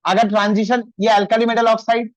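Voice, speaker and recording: High-voiced man teaching a chemistry class. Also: level tone, no echo, rough recording. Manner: dictates formulas slowly, scolds students for chatting. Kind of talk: classroom lecture.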